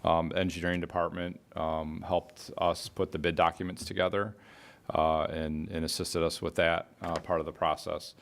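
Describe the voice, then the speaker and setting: A man who works as a municipal department official, informally explaining matters at a meeting with halting, hesitant phrasing. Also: low voice, flat delivery, vocal fry.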